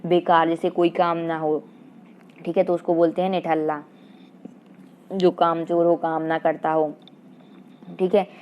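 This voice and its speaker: A woman teaching an exam-prep grammar lesson with a Madhya Pradesh Hindi accent, asking rhetorical questions and answering them herself, and reading verse lines slowly. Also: fairly low pitch, level tone. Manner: slow sing-song recitation of verse lines. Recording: dull lo-fi online class audio.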